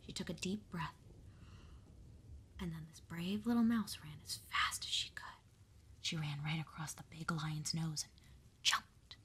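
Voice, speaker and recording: A woman softly reading a bedtime story aloud as an older sister in a whispered role-play. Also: lowish voice, husky. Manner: soft, slow bedtime reading.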